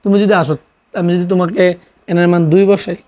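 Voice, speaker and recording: Mellow teacher who quizzes and self-answers. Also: medium pitch, little pitch movement, quick pace. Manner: repeats key terms, asks questions and answers them. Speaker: chemistry teacher. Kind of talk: classroom lecture. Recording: dull lo-fi recording.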